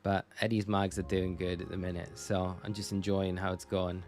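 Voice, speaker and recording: A man's voice: sits low, flat delivery, moderate pace, darkish tone, faint music behind. A young man from Northumberland, chatting casually and rambling with viewers on a live stream. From Northumberland, England. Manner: chatty, rambling, self-correcting.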